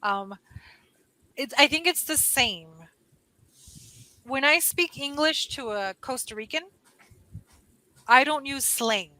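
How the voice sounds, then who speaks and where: An online English tutor with a Californian accent who lives in Costa Rica chats casually on a video call, giving a conversation lesson and explaining patiently. Her high, sharp-toned, expressive voice moves slowly with frequent pauses. The recording is dry and rough.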